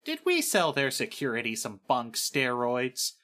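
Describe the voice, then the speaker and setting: A woman's voice: very deep voice, huge pitch swings, a little slow, fairly bright tone, heavily acted. A woman putting on a ranting British rocker. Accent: put-on British. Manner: profane, indignant reading aloud. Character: swaggering British rock frontman ranting online.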